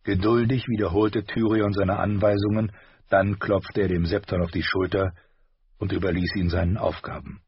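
Low husky male narrator, slow measured read, lively delivery, dull dry sound. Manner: unhurried, expressive. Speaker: audiobook narrator. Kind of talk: scripted storybook narration.

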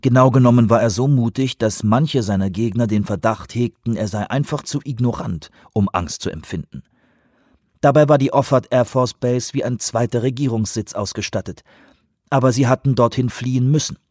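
A man reading an audiobook thriller in scripted narration, even and measured. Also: mid-range voice, no echo, clean studio sound. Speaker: audiobook reader.

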